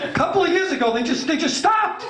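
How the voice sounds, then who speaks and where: A Long Island man in his late fifties, with a New York accent, works a comedy club stage as the audience laughs. His voice is very high-pitched, expressive and fast, and he's brash and self-mocking, swearing freely and acting out the voices he quotes. The room echoes, with a crowd and loud background noise.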